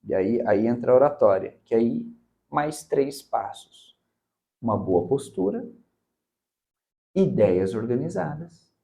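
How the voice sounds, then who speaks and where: Gravelly-voiced Brazilian man, emphatic. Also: mid-range voice. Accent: Brazilian Portuguese. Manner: emphatic, animated, says "cara" and "né" often. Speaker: public speaking mentor. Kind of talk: casual interview talk.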